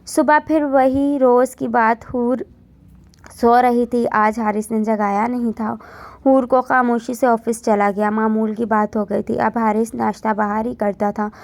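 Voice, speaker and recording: A woman tells an emotional story in a steady, earnest way. Her voice sits fairly high and the recording is close and dry, with no room around it. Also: a little slow, no echo.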